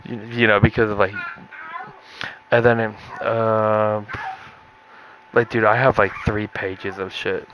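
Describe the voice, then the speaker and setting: A young man with a somewhat low voice talks loosely on a live stream. He rambles and restarts, tossing in "dude" again and again as he works through rough comedy ideas. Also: level tone, slow, pauses often, lo-fi sound, a little hiss or hum. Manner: rambling, restarts often, says "dude" a lot. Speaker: streamer trying out stand-up material. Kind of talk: casual chat.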